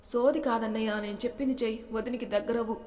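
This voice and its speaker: A woman's voice: fairly high pitch, steady tone, fast talker, darkish tone, big-room sound, lightly acted. A woman voicing a playful younger brother who teases his older brother. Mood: teasing.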